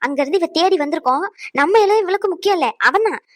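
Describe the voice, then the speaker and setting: A woman's voice: extremely high pitch, expressive, quick pace. A woman voicing an indignant middle-aged cartoon mother who complains in a scornful way. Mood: bitter.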